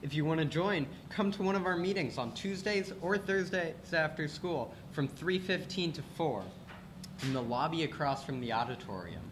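A man's voice: a little high, animated, moderate pace, fairly bright tone, slight background noise. Teenage boy reading school announcements. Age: teens. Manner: playful, joking reads. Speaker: student announcements anchor.

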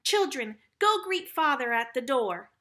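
A woman's voice: high voice, very animated, unhurried, bright, forceful tone, heavily acted. A woman voicing a young girl who plays mother to a group of boys, firm and scolding. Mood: bossy. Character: motherly girl playing mom, bossy.

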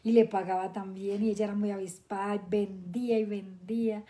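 Middle-aged mother, mellow dark tone, plain reminiscing. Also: mid-range voice, little pitch movement, fairly quick. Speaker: guest, host's mother. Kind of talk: casual conversation.

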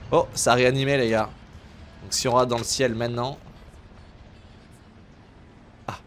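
A man's voice: mid-range voice, fairly even intonation, fast, background noise. A man streaming a shooter game, joking with his chat in casual commentary, making sound effects and slipping into mock English. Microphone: gaming headset.

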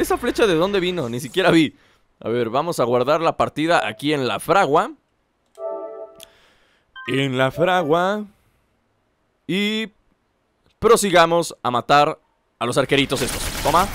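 Mexican man doing chatty gameplay commentary, teasing and playful, fairly high voice, game music behind. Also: sing-song, normal speed. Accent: Mexican Spanish.

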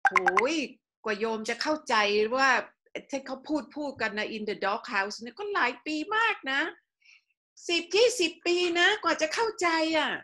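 A woman from Thailand teaching an English lesson, explaining slowly and leading the class in repeating phrases, with many polite particles. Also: sits high, very animated, a bit bright, poor audio. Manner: slow, drawn-out explaining with frequent polite sentence particles. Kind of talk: classroom language lesson with choral repetition.

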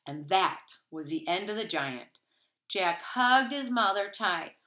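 A middle-aged woman reads a picture book aloud to young children in a small wood-panelled room at home, with expressive, dramatic emphasis. Her medium-pitched voice is expressive and sharp-toned, and she takes her time. She is a storybook reader for children.

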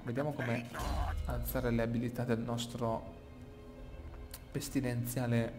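Music plays behind a man of medium pitch who speaks at a measured pace in a level tone. The YouTuber muses aloud about his game from a small, unfurnished room that echoes, with clear background noise.

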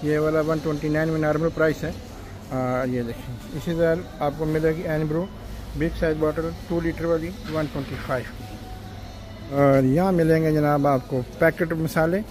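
In this casual shopping vlog, a man with a fairly high, flat voice walks the supermarket aisles at a moderate pace, listing prices and saying "ji" and "janab" politely. Music and shop noise fill the background.

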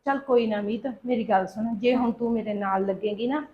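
A woman acting out a hardworking young daughter-in-law who asks politely and pleads. Her voice is high. The sound is dull and lo-fi, like a home video. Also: a little fast, lightly acted. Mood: calm. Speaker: daughter-in-law in a family short film. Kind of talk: amateur family drama acting.

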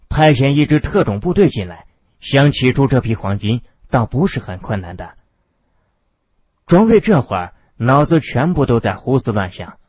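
Man, audiobook narration, husky, dry close sound. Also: medium pitch, no room sound. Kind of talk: storytelling narration. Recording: dull lo-fi dry recording.

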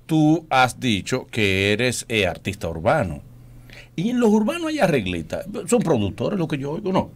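Lively-voiced radio host man. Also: mid-range voice, moderate pace. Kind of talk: radio talk show. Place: small radio studio.

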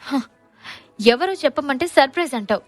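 Woman doing a playful young husband for an audio story, sarcastic banter, voice pitched high. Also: expressive, normal speed, no echo, soft background music. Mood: teasing. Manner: bantering, mock-exasperated.

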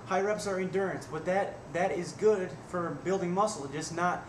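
Filming a home workout vlog in a small room, this twenty-something guy has a high-pitched voice and a moderate pace. He's blunt and casual, cursing occasionally and grunting as he pushes through reps. Sound comes from a desk-distance webcam, echoey and noisy.

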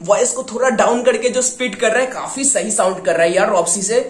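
A man hosting a music reaction video, talking with excitement and mixing Hindi with English slang. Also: high-pitched, fast talker, echoey room, background noise. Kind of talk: casual reaction commentary.

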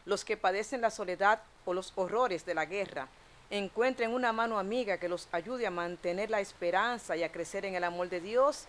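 A young woman reading intercessions at a lectern in a small chapel, measured and even, into a stand mic. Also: mid-range voice, a little hiss or hum. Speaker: lay reader.

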